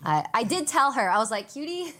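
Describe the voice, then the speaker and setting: A woman's voice: a little high, very animated, fairly quick, bright, forceful tone. A woman streamer talking in a hesitant, defensive way, with many fillers. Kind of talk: streamed chat.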